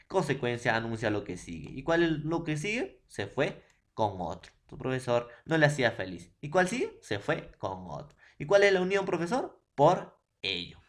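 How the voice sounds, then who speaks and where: A male secondary school teacher with a Peruvian Spanish accent, giving an online class lecture, asking his students constant check-in questions and stressing key terms. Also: medium pitch. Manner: repeats "profesor" and "¿ya, jóvenes?" as verbal tics; emphatic rises on key terms, drawn-out slow words.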